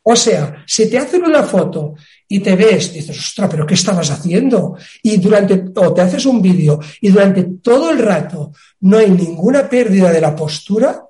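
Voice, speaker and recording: A man's voice: high voice, sing-song, normal speed, warm tone. A man from explaining a fitness method in an interview, emphatic and acting out small dialogues. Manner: emphatic, acts out little dialogues. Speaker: fitness expert guest. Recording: roomy echo.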